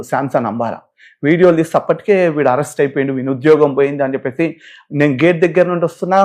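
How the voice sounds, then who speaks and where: Fast-talking man with a Telangana accent. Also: a little high. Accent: Telangana Telugu. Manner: animated storyteller who acts out quoted voices. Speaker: interview guest; pastor. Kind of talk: emotional personal testimony in an interview.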